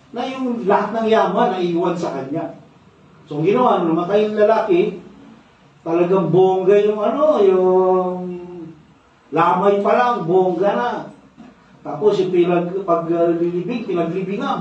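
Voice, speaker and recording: A man's voice: sits high, a little mellow. A man preaching a sermon as pastor, telling stories, repeating key phrases and ending phrases with a questioning "no?". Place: church sanctuary, indoors. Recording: very echoey hall, distant dull mic.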